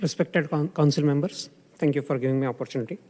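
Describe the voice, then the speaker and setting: A man from India giving a public comment at a city council meeting, halting with many fillers and restarts. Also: a little high, a little mellow. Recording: long hall reverb.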